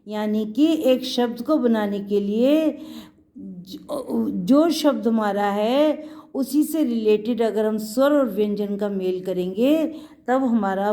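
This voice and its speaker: A woman's voice: a little high, dark tone. A woman giving a patient lesson to young children, sounding out syllables and repeating them for the class. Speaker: Hindi teacher for young children.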